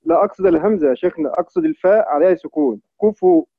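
A man with an Egyptian accent asks a question quickly, at a higher pitch, politely restating his point. His voice comes through a tinny, dry, phone-like call line. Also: husky, no room sound. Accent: Egyptian Arabic. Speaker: student asking a question.

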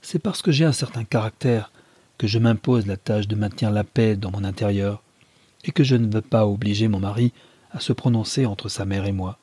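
A man reading a novel aloud, voicing a gentle, reserved young wife who answers briefly and guardedly. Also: on the low side, normal speed, slightly rough, no echo. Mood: restrained. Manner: quiet, brief, guarded replies.

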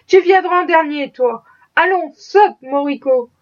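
A woman reading an audiobook, voicing a rough male auctioneer who barks orders. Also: high-pitched, unhurried, dull audio. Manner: rough, barking.

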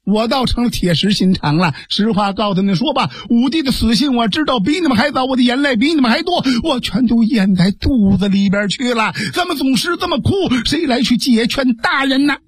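A man's voice: very high-pitched, expressive, slightly rough, no echo, studio quality, exaggerated voice. A man doing an urgent, pleading sworn brother. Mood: agitated. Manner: raised, rapid, insistent pleading.

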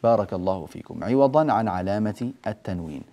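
A middle-aged man gives a recorded lesson on Quran recitation in a mellow, relaxed voice. He teaches patiently, poses questions and answers them himself, and slows right down to draw out each quoted word. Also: on the low side. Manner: explains patiently, asks and answers his own questions, draws out quoted words slowly.

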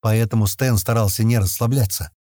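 A man narrating an audiobook chapter in a measured, expressive storytelling manner. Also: fairly low pitch, no room sound, clean studio sound. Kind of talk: scripted narration.

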